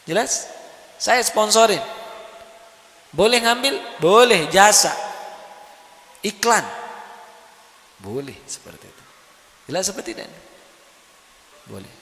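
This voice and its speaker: Animated preacher in an echoey hall. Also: male voice, sits high, takes it slowly, pauses often. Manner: animated, asks the crowd questions. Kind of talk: sermon at a religious study gathering. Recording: echoey hall with faint noise.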